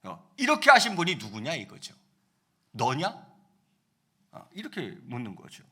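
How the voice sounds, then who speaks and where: A man's voice: on the high side, wildly swooping pitch, unhurried, sharp tone, husky. A male pastor giving a conversational sermon, often asking the congregation rhetorical questions.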